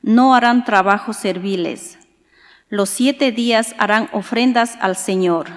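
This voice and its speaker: A woman reads scripture formally as a lector at Mass. Her medium-pitched voice takes its time over each phrase, and every line rings out with the long reverb of a large church. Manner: formal, measured recitation. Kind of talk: liturgical scripture and psalm reading.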